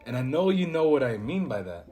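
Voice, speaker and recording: A man's voice: mid-range voice, big pitch swings, fairly quick, warm tone. A man in his twenties giving a casual, blunt motivational talk, swearing often, with music behind. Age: 20s. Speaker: vlogger. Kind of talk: motivational monologue.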